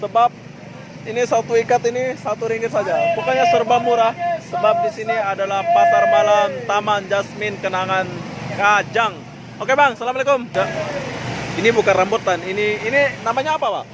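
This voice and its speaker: A man's voice: high-pitched, fairly even intonation, normal speed, over a noisy crowd. A man talking in a casual, chatty way as he hosts a walking market vlog, often addressing people like mates. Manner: chatty and informal, often addressing listeners and vendors as boss or brother. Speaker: vlogger, host. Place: busy outdoor night market. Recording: very noisy outdoor street ambience. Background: loud vehicle and street noise.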